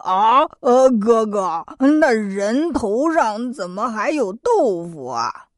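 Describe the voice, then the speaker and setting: A slow-talking, dim but good-natured pig-monk from a children's storybook, voiced by a woman. He speaks in a plain rustic way, a little high in pitch. The sound is dry and close. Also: very animated, dry recording. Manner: rustic folksy talk, calls himself 俺老猪. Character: clumsy greedy pig-monk, male, simple-minded.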